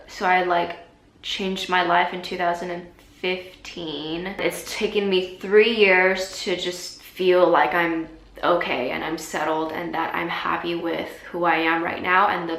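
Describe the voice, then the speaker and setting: Young woman vlogger, casual Q&A, lowish voice with vocal fry, echoey room. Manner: chatty and self-deprecating, laughs often, trails off softly. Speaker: YouTuber answering viewer questions. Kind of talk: casual Q&A chat reading comments.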